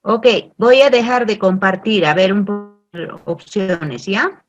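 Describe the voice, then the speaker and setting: A woman's voice: medium pitch, unhurried, lo-fi sound, faint music behind. A woman lecturing on a video call whose audio keeps breaking up, talking hesitantly with many fillers. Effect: choppy, breaking-up video call audio. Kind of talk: online class lecture.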